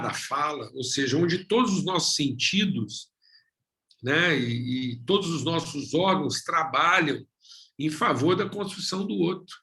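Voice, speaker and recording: Bright-toned Brazilian preacher. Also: male voice, a little high. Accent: Brazilian Portuguese. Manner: emphatic preaching with repeated phrases and dramatic pauses. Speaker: pastor. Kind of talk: sermon.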